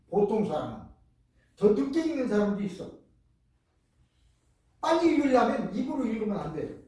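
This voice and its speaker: An older man, a professor giving a lecture, talking in an animated, emphatic way and repeating his key words. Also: sits high. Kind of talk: lecture on speed reading. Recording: echoey room, voice from far off.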